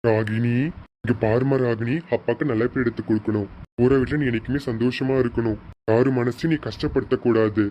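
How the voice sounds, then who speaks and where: A man's voice: medium pitch, steady tone, a little fast, warm tone, slight background noise, natural voice. Man playing a sad emotional father. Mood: advising. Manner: choked, sorrowful. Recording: dull lo-fi recording.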